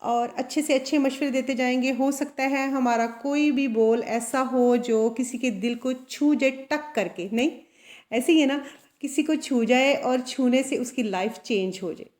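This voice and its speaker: A woman's voice: high-pitched, measured pace, a little mellow. Earnest woman sharing her story. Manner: earnest, confiding, with frequent tag questions. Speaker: vlogger. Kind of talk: personal motivational talk to camera.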